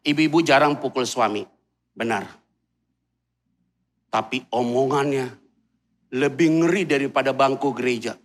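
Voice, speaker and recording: A male pastor delivers a humorous sermon in a big church hall. He speaks into a stage mic, turning from quiet, confiding asides to sudden loud outbursts. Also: medium pitch, a little slow, long pauses. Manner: playful, swings between quiet and loud outbursts. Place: large church hall in a mall.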